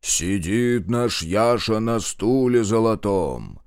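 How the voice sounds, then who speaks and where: Male reader doing a stocky pompous official, slow, chanting. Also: lowish voice, animated, darkish tone, no echo, clean studio sound. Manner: drawling, chanting in trained voice.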